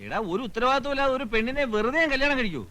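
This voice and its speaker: An actor playing a quick-tempered married village man who scolds and complains indignantly. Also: very high-pitched, animated, sharp tone, a little hiss or hum, full character voice. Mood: puzzled. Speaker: film character, a family man. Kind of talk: 1990s film comedy acting.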